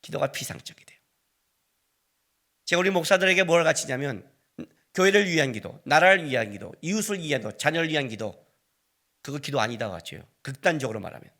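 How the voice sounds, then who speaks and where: Lively storytelling Korean pastor. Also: male voice, a little high, fairly quick. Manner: storytelling with acted-out dialogue; conversational, asks the congregation questions. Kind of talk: sermon. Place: church sanctuary.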